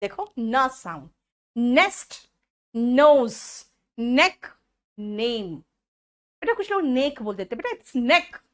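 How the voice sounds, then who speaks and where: A woman's voice: on the high side, very animated, slow, long pauses. A woman with an Indian accent teaching an online spoken English lesson, repeating each word sound and calling her students "beta".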